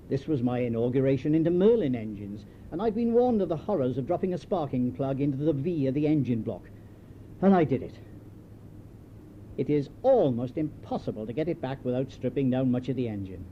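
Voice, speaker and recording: An older British man reads aloud from his own written memoir, his slightly high voice measured and dryly understated. It has the dull sound of an old home tape, with a noticeable rumble behind him.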